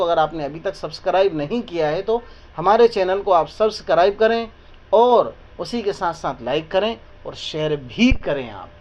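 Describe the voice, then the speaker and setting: A man's voice: sits high, darkish tone. Patient male teacher quizzing his class. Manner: patient, repeats each word and quizzes the listener. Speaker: Quran reading teacher. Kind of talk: step-by-step lesson with call-and-response questions.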